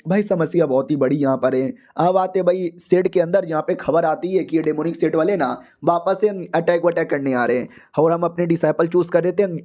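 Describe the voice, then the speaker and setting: Slangy, high-voiced male story narrator. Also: a little mellow. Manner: slangy, joking. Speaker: comic recap narrator. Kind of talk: casual storytelling recap.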